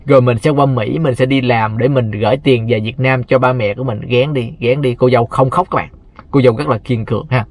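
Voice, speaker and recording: A man, casually telling a story to his viewers and acting out what people say. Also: medium pitch. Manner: chatty, addresses viewers constantly, acts out quotes. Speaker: vlogger.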